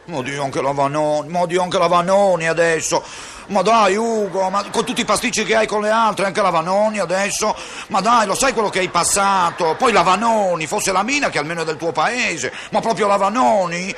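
A man's voice: high-pitched, fairly quick, sharp tone, a little hiss or hum. A man playing a nagging, moralizing conscience in a radio comedy sketch, coaxing and scolding by turns. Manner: coaxing, scolding, repeats the other man's name. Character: nagging moralizing male conscience, talkative and reproachful. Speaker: comic actor.

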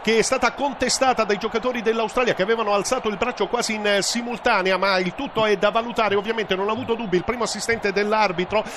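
A man giving live football commentary as an excited, exclamatory play-by-play commentator. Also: sits high, fast talker, few pauses. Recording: noisy broadcast with stadium sound behind.

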